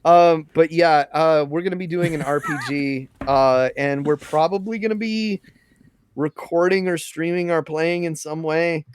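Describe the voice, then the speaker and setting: A man's voice: fairly high pitch, steady tone, unhurried, slight background noise. A man co-hosting a podcast in casual chat, jokey and teasing, struggling with hiccups. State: has the hiccups. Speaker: podcast co-host.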